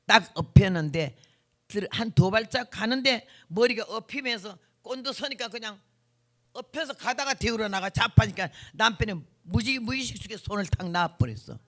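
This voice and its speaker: A woman in her seventies, a missionary revival preacher, telling her testimony in a vivid, blunt, folksy way, acting out what people said. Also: fairly low pitch. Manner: vivid, blunt, folksy storytelling with acted quotes. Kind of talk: sermon testimony storytelling.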